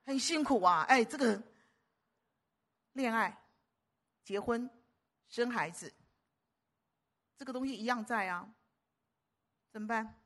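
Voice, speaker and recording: A woman preacher delivering a sermon, emphatic and animated, often stumbling and repeating words. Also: a little high, slow, long pauses.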